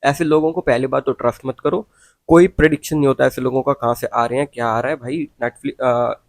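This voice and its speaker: A man's voice: mid-range voice, fairly even intonation, fairly quick, gravelly, dry recording. A young man ranting casually to camera, blunt and preachy, mixing in English phrases and slang. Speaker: vlogger. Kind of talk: casual opinion rant.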